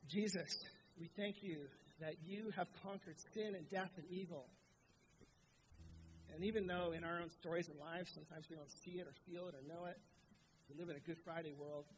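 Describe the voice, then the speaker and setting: A man's voice: fairly high pitch, long reverb tail, slight background noise, poor audio. A man pastor giving an earnest Easter sermon and prayer to his congregation. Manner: earnest, rising and falling emphasis. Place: church sanctuary.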